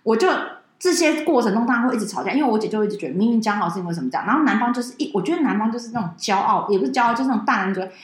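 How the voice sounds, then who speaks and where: A woman, co-hosting a podcast and telling a story in an animated, indignant way, swearing now and then. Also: fairly high pitch, rapid-fire, few pauses, roomy sound. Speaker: podcast co-host. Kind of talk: casual chat, personal storytelling.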